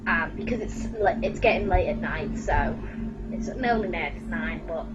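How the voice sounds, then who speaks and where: A woman's voice: fairly low pitch, normal speed. A woman host reading a creepy story aloud and chatting casually, her voice worn out, hesitant at times. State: losing her voice. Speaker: channel host. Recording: muffled, distant mic with music.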